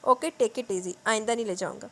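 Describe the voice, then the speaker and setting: Woman reading as a teasing big brother. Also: on the high side. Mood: coaxing. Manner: warm coaxing, light teasing. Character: affectionate older brother and husband, teasing.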